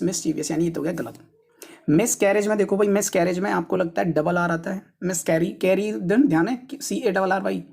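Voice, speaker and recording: A woman with a husky, slightly breathy voice coaches students through an exam practice set. She pitches a little low for a woman and talks casually, repeating each word and spelling it out letter by letter. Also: mellow. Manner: casual, keeps calling viewers brother, repeats words and spells them out letter by letter. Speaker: exam-prep teacher. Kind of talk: solving an English test paper aloud.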